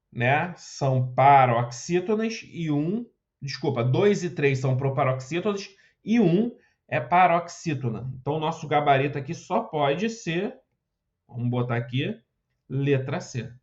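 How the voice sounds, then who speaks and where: A man's voice: fairly high pitch, animated, measured pace, lo-fi sound. A man teaching Portuguese grammar for an exam, explaining step by step and often checking in with short questions. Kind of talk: exam prep lesson walking through questions.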